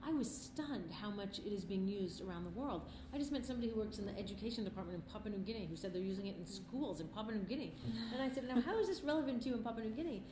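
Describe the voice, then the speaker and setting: A middle-aged filmmaker answers interview questions earnestly and passionately in a conversational way. Her medium-pitched voice has lively intonation, and she races along with hardly any pauses. The recording has a roomy echo and faint background noise.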